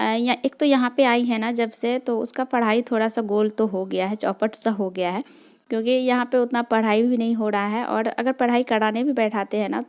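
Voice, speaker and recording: A woman's voice: a little high, a little mellow. A woman narrating her daily home vlog as a mother, in a chatty, rambling way with frequent restarts. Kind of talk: casual vlog voice-over narration.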